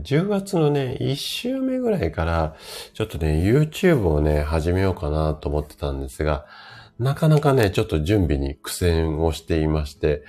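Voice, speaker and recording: Very deep, gravelly, hoarse man in his fifties. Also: mellow. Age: 50s. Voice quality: gravelly, rough voice from drinking the night before. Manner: chatty, explanatory, greets listeners by name. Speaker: host of a health live stream. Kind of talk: casual live-stream talk on health.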